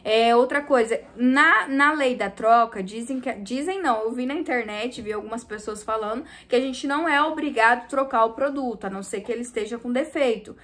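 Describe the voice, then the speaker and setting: A woman with a high voice and a Brazilian Portuguese accent tells stories from running her small clothing store. She talks casually and chattily to her viewers, calling out to them often as she vents. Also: a little fast, few pauses, fairly bright tone. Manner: chatty, venting, often addresses viewers directly. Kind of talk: casual vlog storytelling.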